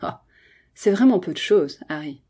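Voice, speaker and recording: A woman's voice: fairly low pitch, expressive, normal speed, mellow, husky. A woman reading as a brooding male painter. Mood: hushed.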